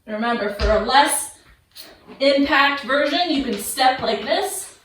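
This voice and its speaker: A woman with a fairly high voice coaches a workout like a fitness influencer, giving clear form cues and encouragement. She speaks in slow, spaced-out instructions and counts. The recording is very echoey, as if in an open room. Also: lively intonation, fairly bright tone, a little hiss or hum. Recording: echoey room, distant microphone.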